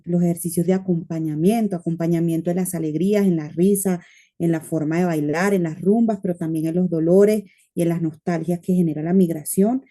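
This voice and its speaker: A woman with a lowish, very dark and warm voice speaks as a panelist in a discussion. She tells anecdotes earnestly, leaning on fillers as she builds her points.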